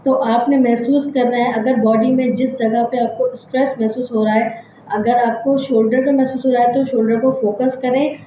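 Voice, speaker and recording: Mellow woman guiding a meditation, echoey. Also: fairly high pitch, slight background noise. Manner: gentle, repetitive step-by-step guiding. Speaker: psychology channel host. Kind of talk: guided body scan meditation.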